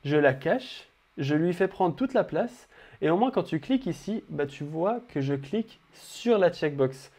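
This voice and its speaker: A man's voice: fairly high pitch, expressive, a little slow, darkish tone. A young man walking viewers through building an interface in a casual screen-recorded coding tutorial, talking straight to the viewer with frequent fillers.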